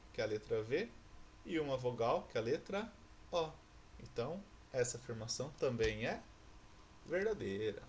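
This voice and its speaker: A man's voice: mid-range voice, slight background noise. A male teacher with a Brazilian Portuguese accent, giving a recorded lesson and patiently asking the class questions and then answering them himself.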